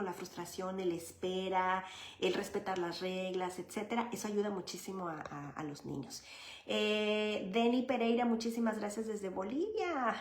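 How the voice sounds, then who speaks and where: A woman, a child psychologist answering viewer questions in a live session, explaining patiently and conversationally with many fillers. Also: medium pitch. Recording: roomy echo.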